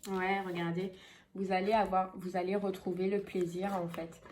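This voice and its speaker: A woman's voice: on the low side, level tone, moderate pace, a little mellow, slight background noise. Chatty woman doing a casual tarot reading. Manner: chatty, many fillers and repeats. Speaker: tarot reader.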